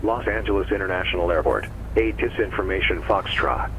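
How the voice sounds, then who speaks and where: A man reading an airport weather and information broadcast over the radio, reciting figures in a steady, measured way. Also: low voice. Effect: automated airport weather broadcast over radio. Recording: tinny lo-fi radio channel with faint hiss.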